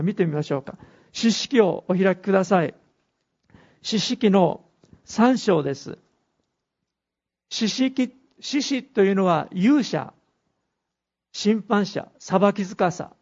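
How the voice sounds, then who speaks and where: Gravelly-voiced man preaching a sermon. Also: sits high, a little mellow. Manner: earnest preaching with pauses, reading scripture aloud. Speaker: pastor. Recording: dull lo-fi recording.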